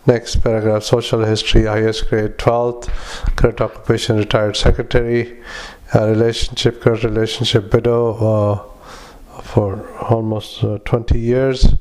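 A man with a lowish voice and very flat intonation delivers medical dictation. He speaks as a clinician, in short broken phrases with frequent hesitations, calling out punctuation and formatting as he goes. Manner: halting, fragmented clipped phrases with frequent long hesitations. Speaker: clinician dictating psychiatric notes.

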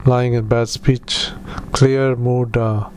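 A man speaking as a doctor doing medical dictation, in halting, clipped phrases with spoken punctuation. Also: mid-range voice, level tone, background noise. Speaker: doctor dictating clinical notes.

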